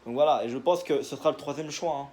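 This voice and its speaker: A young man runs through his football picks in a loose, rambling way. He piles up fillers and joking asides. His voice sits a bit high for a man. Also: quick pace, darkish tone. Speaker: football video creator. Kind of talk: casual football predictions monologue.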